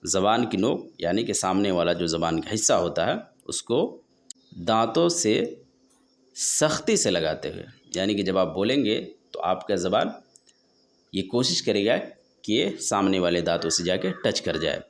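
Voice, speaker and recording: A man teaching a tajweed pronunciation lesson, explaining how each letter is formed and repeating the sounds slowly and drawn out. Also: low-pitched, big pitch swings. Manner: asks and answers his own questions. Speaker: Quran recitation teacher.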